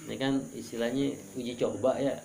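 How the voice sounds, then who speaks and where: A man preaching at an evening study gathering, animated and joking, with sudden jumps in pitch for emphasis. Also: a little fast, creaky, crowd noise. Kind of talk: religious study sermon.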